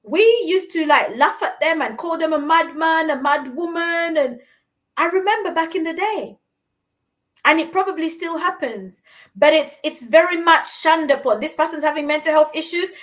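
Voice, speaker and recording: Hosting a conversational podcast from London, a woman from Uganda talks earnestly and encouragingly, often repeating herself. Her high voice is a bit bright and runs at a normal speed.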